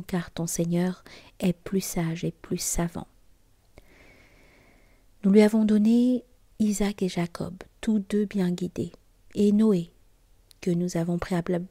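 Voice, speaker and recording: Soft-spoken woman in whispered scripture reading. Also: lowish voice, dry recording. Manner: soft, measured, often whispered. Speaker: scripture reader.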